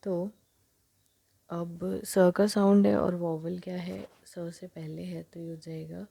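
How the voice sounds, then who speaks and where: A woman explaining shorthand strokes at an unhurried pace, her low voice gravelly and a little husky. She mixes Hindi with terms and keeps slipping into soft, near-whispered asides. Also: little pitch movement. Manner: soft, often sinking to a near whisper while writing. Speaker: shorthand teacher.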